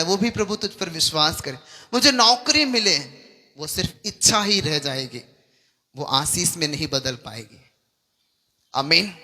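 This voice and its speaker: Man, pastor, sermon, emphatic, high-pitched, very bright voice. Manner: emphatic, repeatedly asks the congregation if they understand.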